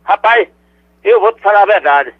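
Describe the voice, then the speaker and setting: A man's voice: sits high, lively intonation, moderate pace, no echo. An irritated man swearing and demanding answers on a phone call as a prank victim. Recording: tinny phone line.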